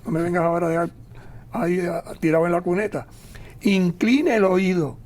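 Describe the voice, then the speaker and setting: High-voiced man reflecting on scripture. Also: monotone, quick pace, a little mellow. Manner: emphatic, repeats phrases, reads verses aloud. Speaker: radio co-host leading prayerful Bible reading. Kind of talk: reflective radio talk on scripture.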